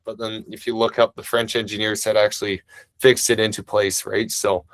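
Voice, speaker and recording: A man giving a family history webinar over a video call. He talks fast and casually, with eager restarts and asides. His voice is dry and close, with no room echo. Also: lowish voice, flat delivery, a bit bright. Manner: talks quickly; casual, enthusiastic, many restarts. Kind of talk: webinar presentation.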